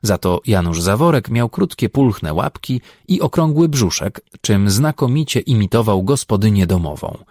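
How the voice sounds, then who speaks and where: Husky, low-voiced male narrator. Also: big pitch swings, normal speed, hardly any pauses, a little mellow, no echo, clean studio sound. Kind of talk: audiobook narration.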